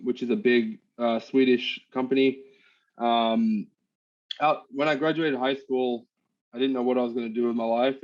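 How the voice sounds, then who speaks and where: On a casual interview call, an Australian-born man whose accent has picked up an American tinge talks about his trade work as a machine demonstrator and trainer. His mid-range voice comes through lo-fi, and he sounds relaxed but hesitant, often pausing with ums and uhs.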